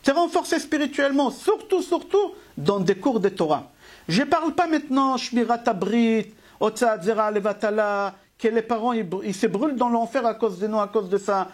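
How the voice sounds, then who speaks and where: A man's voice: sits high, moderate pace. A man teaching a live religious lesson to an online class, emphatic and driving, asking rhetorical questions and answering them himself. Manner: emphatic, asks and answers his own questions. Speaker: Torah teacher.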